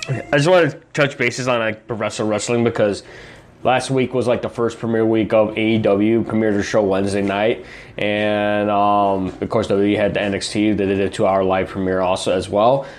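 A man's voice: on the low side, level tone, normal speed. A young man hosting a casual pop culture podcast, rambling with lots of fillers. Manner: rambling, filler-heavy, eating while talking. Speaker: podcast host.

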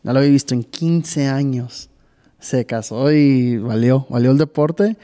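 A man hosting a podcast in relaxed, slangy Spanish, telling a story among friends. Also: medium pitch, measured pace. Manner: relaxed, slangy, swears casually. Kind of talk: casual conversation.

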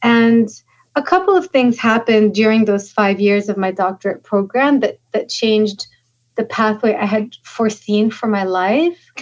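A woman's voice: mid-range voice, lively intonation, unhurried, dull audio. A woman in her forties from Lebanon, a lecturer being interviewed, telling her story in long, candid stretches. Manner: chatty and candid, talks in long winding stretches. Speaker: guest, lecturer. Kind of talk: podcast interview.

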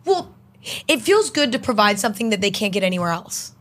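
A woman's voice: mid-range voice, sing-song, a little fast, a bit bright. A young woman who creates online videos, a guest on a chat show, talking casually and rambling, with lots of "like.". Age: young adult. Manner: rambling, heavy use of "like".

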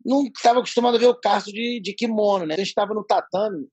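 Husky, high-voiced storyteller man. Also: fast talker, no echo. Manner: slangy, profane, animated storyteller. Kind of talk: casual storytelling.

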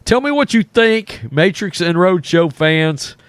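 A man's voice: high voice, expressive, measured pace, no echo. A man giving casual, blunt reaction commentary as a host, his voice thick from a cold and a sore, swollen throat. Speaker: host of a film reaction channel.

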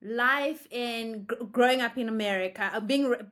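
A woman with a fairly high-pitched voice hosts an interview show. She asks light, playful icebreaker questions and encourages her guest to keep talking. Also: normal speed, fairly bright tone. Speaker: host. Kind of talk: casual interview conversation.

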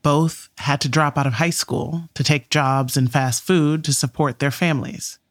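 A man's voice: on the high side, fairly even intonation, moderate pace, dry recording, clean studio sound. Male documentary podcast narrator. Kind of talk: scripted narration.

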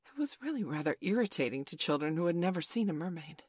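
A woman narrating a children's storybook in a measured, expressive reading voice. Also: fairly low pitch, husky, no room sound, clean studio sound. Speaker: audiobook narrator.

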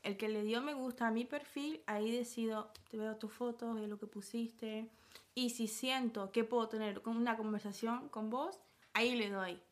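A woman from Argentina with an Argentine accent, a podcast guest speaking in casual chat, soft-spoken and a bit hesitant. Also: a little high, fairly even intonation, normal speed. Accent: Argentine Spanish.

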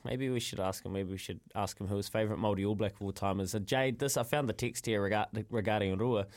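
A man's voice: fairly low pitch, steady tone, fast talker. A man with a New Zealand accent hosting conversational sports talk on the radio. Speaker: radio host.

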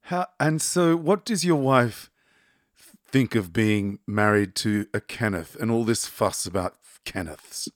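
A man's voice: lowish voice, no echo, clean studio sound. A male interviewer chatting casually and asking eager, enthusiastic questions. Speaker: interviewer, vlog host.

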